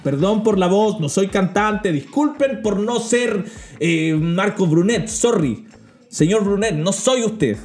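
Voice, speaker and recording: A man's voice: high voice, lively intonation, slow pace, a little mellow, soft background music. A young Chilean man hosting a podcast, talking about faith in a joking, self-mocking way and mimicking other people's voices. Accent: Chilean Spanish. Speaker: podcast host. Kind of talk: humorous faith monologue.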